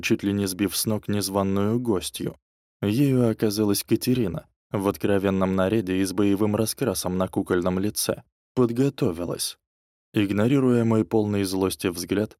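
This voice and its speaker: Low, dry-voiced male audiobook narrator. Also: a little mellow, dry recording. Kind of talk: first-person scripted narration.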